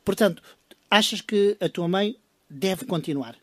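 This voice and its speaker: A woman's voice: medium pitch, measured pace, a bit bright, no room sound. A woman with a European Portuguese accent hosting a casual radio interview, coaxing and playful. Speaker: radio host.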